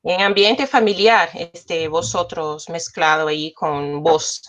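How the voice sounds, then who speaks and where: A woman moderating a live talk, jumping in with short remarks and questions. Her voice is bright and clear. She speaks slowly and unhurriedly. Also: on the low side. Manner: brief interjections and questions to the guest. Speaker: mediator. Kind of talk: live online chat.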